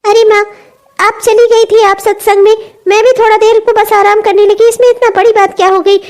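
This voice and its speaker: Brief: sassy cartoon daughter-in-law, played by a woman who talks back, very high voice. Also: level tone, brisk, darkish tone. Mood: defiant. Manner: talking back, dismissive. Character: lazy younger daughter-in-law, young woman, cheeky. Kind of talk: comedy cartoon voice acting.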